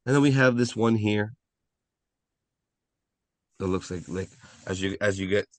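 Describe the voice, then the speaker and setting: The speaker is a man running a beginner language course live online, his lowish voice measured in pace and recorded dry. He explains step by step, goes over key points repeatedly, and often checks in by asking "right?".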